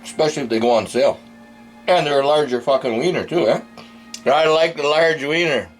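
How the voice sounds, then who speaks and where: A man's voice: a little high, fairly quick, soft background music, poor audio. A man giving a casual, unscripted food review in blunt, crude, rambling, drunken-sounding talk, swearing constantly.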